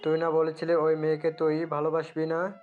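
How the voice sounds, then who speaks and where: A man's voice: fairly high pitch, completely flat delivery, brisk, natural voice. A man playing a stern middle-aged father questioning his son in a scripted audio story. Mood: reproachful. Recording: thin phone-like audio, music behind.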